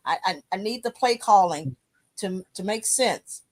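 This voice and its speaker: A woman's voice: medium pitch, expressive, measured pace, a little mellow. A woman with a Texan accent co-hosting a sports podcast, talking bluntly with plenty of profanity. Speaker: podcast co-host. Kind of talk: casual sports talk.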